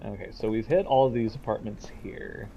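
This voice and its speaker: A man hosting a Let's Play with casual, halting, reflective commentary. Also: fairly low pitch, gravelly, lo-fi sound, a little hiss or hum.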